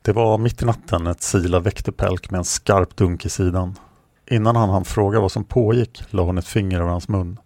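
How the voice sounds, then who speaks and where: A man narrating a fantasy audiobook in a steady, measured read. His voice is low and gravelly with a dark tone. The recording is dry and close. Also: no room sound.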